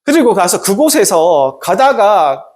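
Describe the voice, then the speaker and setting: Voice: mid-range voice, big pitch swings, a little slow, darkish tone. A pastor preaching a sermon who retells scripture stories conversationally, asks the congregation rhetorical questions and makes self-deprecating asides.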